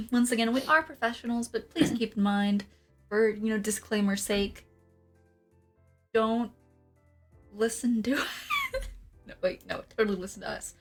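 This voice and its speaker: A woman's voice: a little high, normal speed, long pauses, soft background music. A woman hosting a casual livestream in a jokey, giggly, mock-professional way. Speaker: livestream host. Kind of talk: casual comedic livestream chat.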